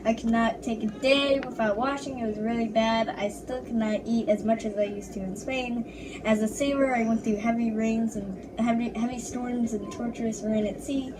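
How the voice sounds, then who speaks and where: A woman playing an unlucky male sailor in a first-person history presentation, reciting haltingly with restarts. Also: a little high, steady tone, lightly acted. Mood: earnest. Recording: distant mic with background noise.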